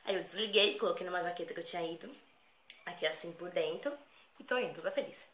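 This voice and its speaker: A young woman rattles through a personal story at a quick clip. Her voice is bright and a little low. The room is echoey, with faint ambience behind her. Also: slight background noise. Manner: animated, repeats phrases. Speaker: vlogger. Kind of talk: casual storytelling.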